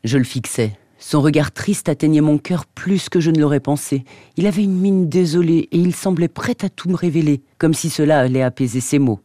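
Measured male radio reader, mellow voice. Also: on the high side, no echo, clean studio sound. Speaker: radio book presenter. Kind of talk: reading a novel excerpt aloud.

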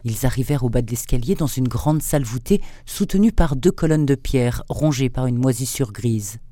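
Mellow-voiced man narrating a thriller. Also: mid-range voice, lively intonation, moderate pace, dry recording, studio quality. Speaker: radio book reader and presenter. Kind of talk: dramatic reading of a thriller.

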